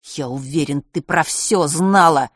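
A woman's voice: fairly low pitch, lively intonation, moderate pace, no echo, studio quality. A woman voicing a proud, hot-tempered teenage boy who speaks curtly and defiantly. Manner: curt, defiant.

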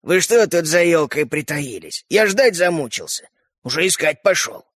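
A man voicing an old grandfather in a storybook, gruff but kind, speaking low and measured. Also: animated, a bit bright, no echo, studio quality. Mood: gruff, confiding.

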